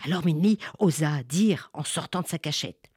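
A woman narrating a children's folk tale with expressive, sing-song storytelling. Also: sits low, moderate pace, breathy edge, no echo, clean studio sound.

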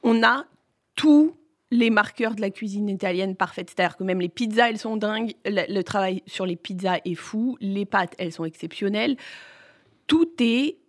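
A woman's voice: medium pitch, moderate pace. Enthusiastic woman food journalist hosting. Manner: enthusiastic, exclamatory, restarts often. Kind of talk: casual food chat.

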